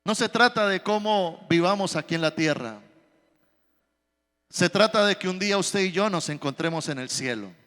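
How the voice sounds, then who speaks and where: Male pastor, dramatic storytelling sermon; high, bright voice with a long church reverb. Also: expressive, normal speed. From Colombia.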